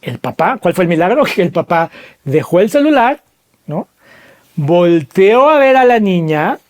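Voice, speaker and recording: A man hosting a podcast, telling a story and asking the listeners rhetorical questions as he explains. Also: darkish tone. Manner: acts out quoted voices with pitch jumps. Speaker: podcast host.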